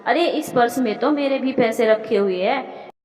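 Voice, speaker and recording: A woman's voice: on the high side, normal speed, darkish tone, big-room sound, faint music behind, close to an everyday voice. A woman voicing a resentful, plotting young daughter-in-law who talks in a sulky, defiant way.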